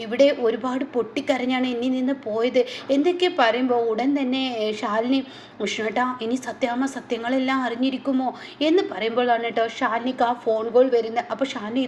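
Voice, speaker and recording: A woman's voice: fairly high pitch, slight background noise. A woman, casually retelling a serial's plot and acting out the characters' lines with feeling. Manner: chatty, voices the lines with feeling. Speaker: storyteller recapping a TV serial. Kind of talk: casual spoken story recap.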